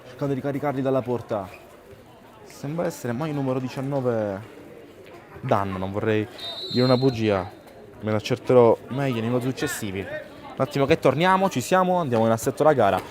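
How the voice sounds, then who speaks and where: A man's voice: medium pitch, brisk. A man giving live play-by-play commentary on a football match. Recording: outdoor stadium crowd noise. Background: crowd at an outdoor ground.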